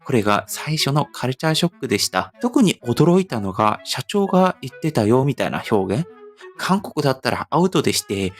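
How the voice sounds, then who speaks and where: Animated young man narrating. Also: a little high. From Seoul, South Korea. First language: Korean. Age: young adult. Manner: animated storytelling, rhetorical lists. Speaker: vlogger. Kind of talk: scripted narration.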